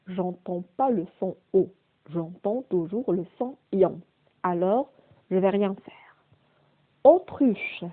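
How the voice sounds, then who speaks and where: A woman teaching a primary school phonics lesson, slowly repeating and stressing each word's sounds. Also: medium pitch. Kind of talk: slow, deliberate remote phonics lesson. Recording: phone-quality, narrow-band audio.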